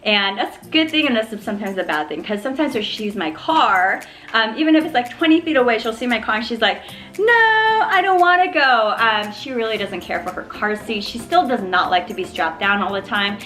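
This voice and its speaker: Quick, animated, and sharp-toned, her medium-pitched voice rolls on with few pauses while music plays faintly behind. In a casual vlog from her home living room, the young mom cheerfully updates "you guys" about her baby, keeping things chatty and upbeat and sometimes copying baby sounds.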